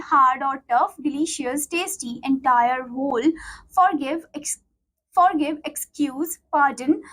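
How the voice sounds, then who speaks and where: A woman teacher reading word lists to students, speaking slowly and explaining quickly in Hindi. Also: sits high, low-quality recording. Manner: slow deliberate English, quick Hindi explanations.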